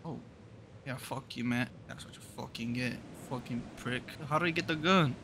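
A young man in casual gaming voice chat, loud, excitable and swearing a lot. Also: mid-range voice, moderate pace. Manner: loud, swearing, excitable, makes gorilla noises. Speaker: game player. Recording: noisy voice-chat recording.

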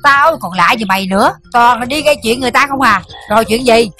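Brief: sharp, sarcastic Southern Vietnamese mother, middle-aged, brisk and bright, faint music behind. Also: on the high side. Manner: scolding, sarcastic. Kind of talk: TV drama acting.

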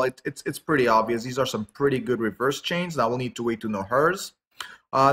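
A man's voice: medium pitch, fairly bright tone. A man reading out game skill text and giving casual, offhand commentary on it, with frequent fillers.

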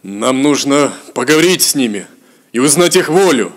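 A man's voice: medium pitch, animated, moderate pace, pitched above the performer's own voice, lightly acted. A man voicing frightened, defiant fantasy council leaders in a raised, agitated voice.

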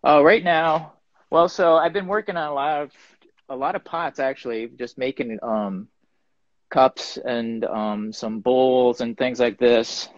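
A guest ceramic artist speaks casually from his pottery studio over a live video stream, rambling with lots of ums while he shows his work. His medium-pitched voice has fairly even intonation and a measured pace, and the phone or webcam audio is dull with no echo.

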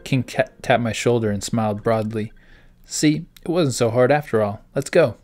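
A man's voice: medium pitch, moderate pace, darkish tone, soft background music. A man, the host of a gaming channel, playing through a story game, reading its text aloud and reacting in puzzled asides. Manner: reads dialogue aloud in a plain voice between puzzled asides.

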